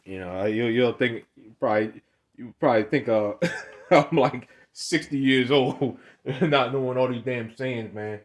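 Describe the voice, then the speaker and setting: A man's voice: mid-range voice, measured pace. A man in his twenties giving a casual, rambling monologue, often stammering and repeating words, with street slang. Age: 20s. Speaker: online commentator.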